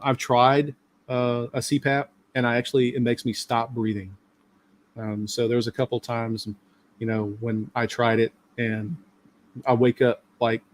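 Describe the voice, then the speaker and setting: A man's voice: mid-range voice, a little hiss or hum. A middle-aged man hosting a live stream, talking casually and at length with many fillers. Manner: rambling, talkative, lots of fillers.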